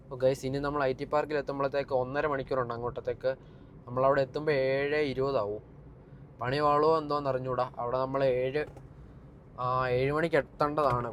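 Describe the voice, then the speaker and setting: With a mid-range voice and a little noise behind him, a young Malayali man chats with his audience during a driving vlog. He slips English words and slang into the conversation, keeps it informal, and often speaks straight to the people watching.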